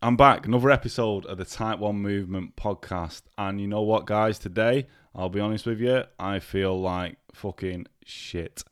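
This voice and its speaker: A podcast host with a clear, resonant voice on the low side talks at normal speed with hardly any pauses, in a dry, studio-quality recording. Alone on his casual show, he sounds sick and congested while chatting, swearing freely and addressing listeners.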